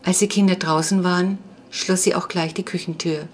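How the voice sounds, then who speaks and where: A woman reading a children's novel aloud as narrator, in an even, measured storytelling manner. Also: on the low side, slight background noise. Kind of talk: audiobook reading.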